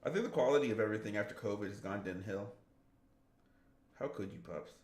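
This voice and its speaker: This gaming streamer has a somewhat deep, slightly mellow voice and a brisk delivery. He rambles in casual live-stream chat and reads out what his viewers write, with the room's echo audible.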